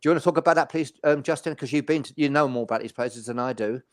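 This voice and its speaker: A man of medium pitch hosts a casual chat, presenting details and prompting others. The sound is very dry, with no room echo. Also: very fast. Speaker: host.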